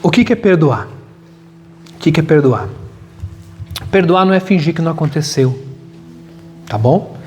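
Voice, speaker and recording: A male pastor preaching a lively sermon at a church retreat, with humor and acted-out quotes. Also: on the high side, normal speed, long pauses, muffled recording, soft background music. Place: large hall at a retreat. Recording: long hall reverb.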